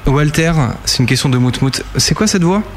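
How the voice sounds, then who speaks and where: A man's voice: fairly high pitch, expressive, normal speed, slight background noise. A man co-hosting a radio show, relaying listener questions in casual banter.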